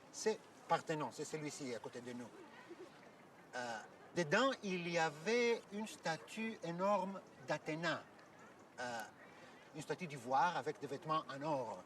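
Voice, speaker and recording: An actor playing a courteous, explanatory Orthodox priest who guides visitors outdoors, hesitating now and then with fillers. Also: male voice, a little high, fairly bright tone, far from the mic, a little hiss or hum. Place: outdoors at an ancient site.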